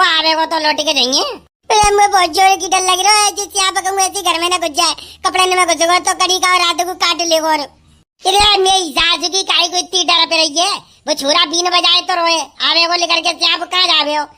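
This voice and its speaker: Shrill, bright comic village woman. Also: steady tone, normal speed. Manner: loud, shrill, bantering village dialect. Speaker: comedy sketch performer. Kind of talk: village comedy sketch.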